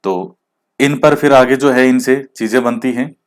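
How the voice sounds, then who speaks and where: A man's voice: mid-range voice, unhurried. Man teaching a lesson, asking and answering. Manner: explains, then quizzes with questions he answers himself; mixes English words into Hindi. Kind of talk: exam-prep lecture.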